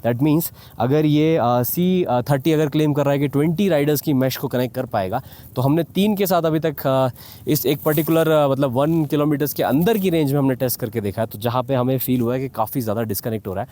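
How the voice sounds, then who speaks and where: Briskly and in a mellow, mid-range voice, an Indian man gives viewers an easygoing explanatory review, blending in English phrases like a motovlogger. He's outside in a mountain valley, where the ambience comes through as clearly noisy.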